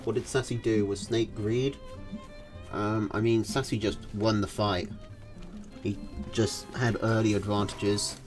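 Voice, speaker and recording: A man's voice: lowish voice, flat delivery, unhurried, faint music behind. A man casting a live strategy game tournament, casual and analytical, thinking aloud with fillers. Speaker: tournament caster.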